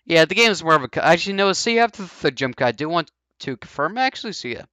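A man's voice: on the high side, animated, fast, pushed and bright, no room sound. A young adult man giving casual, offhand let's play commentary into a headset mic. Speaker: gaming YouTuber. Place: indoors, seated at a gaming setup. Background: faint game music.

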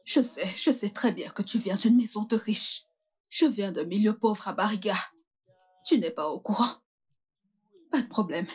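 A woman's voice: mid-range voice, moderate pace, a little mellow, slightly rough, natural voice. An actress in a French dub playing a coarse woman prisoner from a poor district, who taunts her new cellmate. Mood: taunting. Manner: taunting, crude and boastful.

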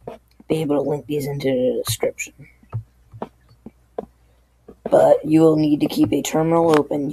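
A sick, hoarse tech tutorial host talking through a screen recording in a halting, apologetic way. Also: medium pitch, noisy background. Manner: halting, apologetic, loses train of thought.

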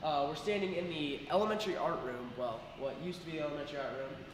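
A man's voice: a little high, fast. A young man casually introducing a school construction update and asking questions, recorded in a bare, empty classroom. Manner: casual, friendly prompting questions. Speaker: video host asking questions. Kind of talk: casual walkthrough interview. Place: large empty classroom under construction, indoors. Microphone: camera mic from a distance. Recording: echoey bare room, mic far off, background noise.

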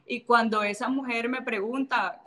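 A woman's voice: fairly high pitch, steady tone, moderate pace, a bit bright. A woman from Cartagena speaks with a Colombian Caribbean coast accent. She is a guest in a casual interview. Her talk is blunt and sassy, and she often slips into brief imitations of other people.

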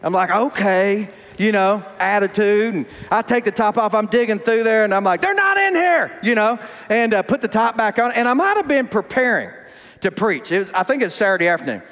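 A man preaching a sermon, telling a folksy story with lots of animation and the occasional shout. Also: high voice, brisk, long reverb tail. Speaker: pastor. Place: church sanctuary.

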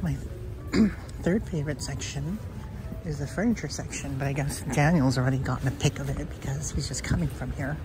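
A Canadian woman vlogs on a handheld phone while browsing a big thrift store, chatting and musing aloud to herself. Her voice is low and fairly quick. The audio is poor, with background music playing.

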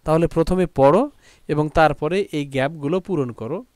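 A man teaching an English textbook lesson, slowly translating each phrase and explaining it. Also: fairly high pitch, a little mellow, no room sound, studio quality.

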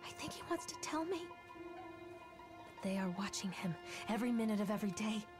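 A woman voicing a troubled mother who fears for her son, speaking in a hushed, urgent way. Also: mid-range voice, expressive, brisk, music in the background, close to an everyday voice. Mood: brooding. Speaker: game character. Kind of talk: game voice acting.

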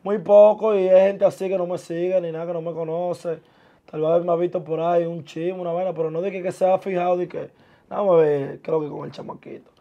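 A young man, a guest chatting casually and laid-back in a small studio, full of street slang and trailing off softly. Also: sits high, fairly even intonation, fairly quick, lo-fi sound. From born in the US, of Dominican parents. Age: young adult. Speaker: guest, musician and TikToker. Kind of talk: casual interview talk. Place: small indoor studio with sofa chairs.

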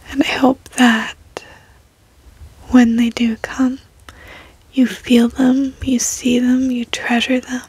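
A young adult woman gives a reassuring ASMR pep talk in a soft, breathy whisper, close to a desk microphone in a bedroom. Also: fairly high pitch, dry recording, rough recording. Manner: slow, reassuring, gentle encouragement. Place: bedroom, indoors.

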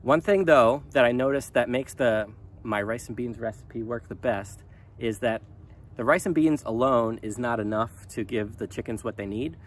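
A man in his thirties talking casually to a handheld phone outdoors in his chicken run, relaxed and rambling with many ums. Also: medium pitch, moderate pace. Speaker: small farm vlogger. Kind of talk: casual vlog talk to camera. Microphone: phone at arm's length.

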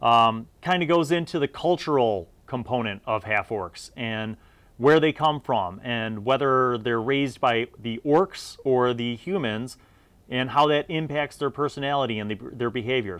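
A middle-aged man reviewing tabletop games speaks in a mid-range, slightly bright voice, recorded without echo. His delivery is casual, rambling, and full of opinion.

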